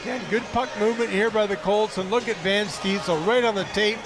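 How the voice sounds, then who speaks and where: A man gives hockey replay analysis in a high, emphatic voice. He sounds enthusiastic as a colour commentator. Music plays clearly behind him. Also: fairly quick, a crowd in the background.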